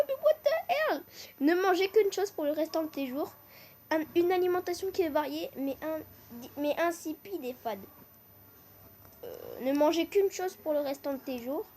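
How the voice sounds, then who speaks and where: A woman hosting a gaming channel, reading would-you-rather choices aloud in a casual way and breaking into excited shouts, with a teasing catchphrase she keeps repeating. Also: sits high, slight background noise.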